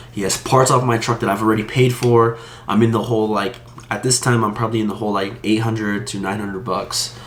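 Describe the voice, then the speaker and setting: A man's voice: on the low side, slight background noise. Angry man venting, echoey room. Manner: heated, aggrieved storytelling. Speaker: vlogger. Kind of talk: casual storytelling to camera.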